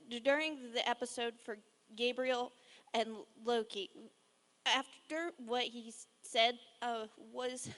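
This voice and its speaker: Female fan, nervous, stammering, a little high-pitched, asking a question. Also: fairly bright tone. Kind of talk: audience question at a panel. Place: large convention hall.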